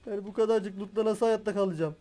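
A young man commentates his own battle royale gameplay with a fairly high voice. He is excitable and laughs and swears as the match goes on. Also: fairly quick. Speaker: gaming YouTuber.

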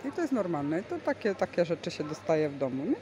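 Low-sitting, mellow and fast, her voice is very animated as she chats her way through a casual vlog. The woman films with a handheld phone, speaking from behind it, explaining goods in a large covered market hall while a bustling crowd makes plenty of noise.

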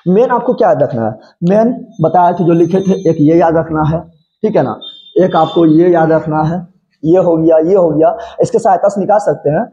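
A man's voice: a little high, normal speed, dark tone. A man teaching a chemistry exam-prep lesson, drilling terms through playful repeated questions and answers. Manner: repetitive call-and-response drilling, playful. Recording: dull lo-fi recording.

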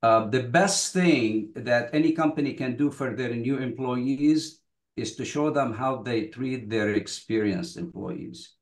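An older man from Lebanon, a guest author on a video call panel, speaking earnestly with many halting restarts. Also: mid-range voice, roomy sound.

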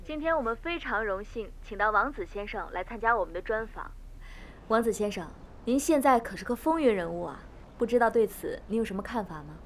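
An actress playing a courteous, poised reporter conducting a formal broadcast interview in a TV drama. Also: female voice, on the high side, expressive, a little fast, slight background noise, natural voice.

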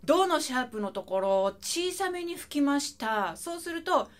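A woman's voice: sits high, moderate pace. A middle-aged woman teaching saxophone in a chatty video lesson, scatting and singing short phrases to show the rhythm. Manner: lively, chatty, sings and scats phrases to demonstrate.

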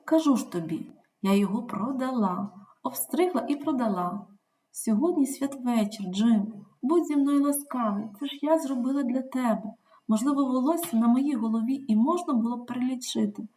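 A woman's voice: fairly high pitch, lively intonation, normal speed, warm tone, pitched above the performer's own voice, close to an everyday voice. A woman reading a young wife's lines with earnest, emotional pleading. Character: young wife tender and pleading.

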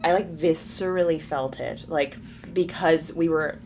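A young woman co-hosting a podcast, talking in a relaxed way full of fillers. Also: sits low, unhurried, a little hiss or hum. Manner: relaxed, filler-heavy chat. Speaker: podcast co-host. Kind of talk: casual chat.

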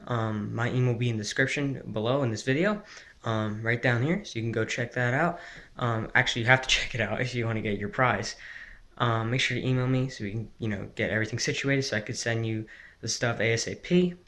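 A man's voice: medium pitch, fairly even intonation, brisk, a bit bright. Young American teenage guy, casual vlogger. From New Jersey, United States. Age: teens. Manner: casual, addressing viewers as guys. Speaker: fishing channel host. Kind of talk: casual vlog giveaway announcement.

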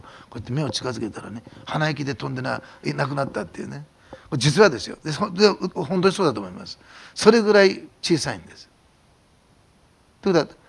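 Animated, gravelly-voiced preaching pastor. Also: male voice, mid-range voice. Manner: animated preaching, drops to a hushed whisper for emphasis, then shouts. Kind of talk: sermon.

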